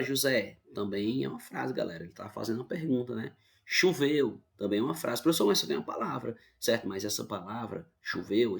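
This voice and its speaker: A man's voice: mid-range voice, vocal fry. A male teacher with a Brazilian accent giving an online grammar lesson, explaining patiently and often checking in with his students. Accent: Brazilian Portuguese.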